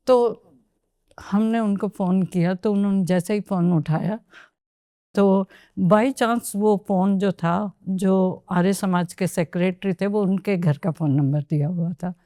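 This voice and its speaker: On a podcast, a female guest slowly recounts her story in Hindi sprinkled with English phrases. Her mid-range voice sounds warm, captured in a dry, clean studio recording.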